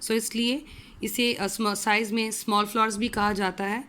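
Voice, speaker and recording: A woman teacher explaining an English poem, reading each line slowly and then explaining it in Hindi, often asking the students a question and answering it herself. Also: fairly high pitch, flat delivery, bright, forceful tone, slight background noise. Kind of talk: recorded poetry lesson, line-by-line explanation.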